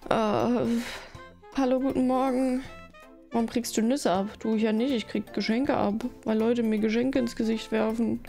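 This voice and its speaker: A woman's voice: fairly high pitch, fairly even intonation, moderate pace, mellow, faint music behind. A woman live streamer chatting casually, giggling and teasing as she thanks viewers one after another, in a sleepy morning mood.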